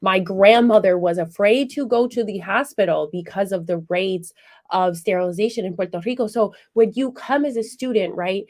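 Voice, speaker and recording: A woman's voice: mid-range voice, normal speed. Enthusiastic woman radio host. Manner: enthusiastic and animated, with many fillers. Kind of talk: conversational interview.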